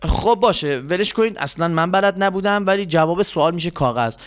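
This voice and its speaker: A man's voice: high voice, lively intonation, clear, resonant tone. A man hosting a children's quiz show, patient and polite but flustered by his contestants. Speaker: quiz host.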